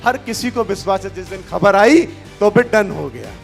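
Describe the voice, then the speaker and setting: A middle-aged man, giving a fervent stage motivational speech that swings between quiet intimate passages and loud shouts. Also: high-pitched, animated, normal speed, vocal fry, soft background music. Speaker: motivational speaker.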